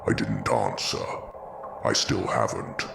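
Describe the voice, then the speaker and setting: A man playing Frankenstein's monster, a bitter, grieving, philosophical creature, in an audio drama with slow, brooding, gravelly speech. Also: wildly swooping pitch, fairly bright tone, full character voice. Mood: haunted, grieving. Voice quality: deep, gravelly. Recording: clearly noisy background ambience.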